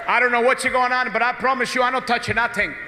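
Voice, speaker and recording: A man's voice: a little high, expressive, slow, very noisy. A man voicing a dramatic immigrant uncle making a scary pilot announcement in broken English, recorded live. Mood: panicky. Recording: live hall reverb, faint crowd.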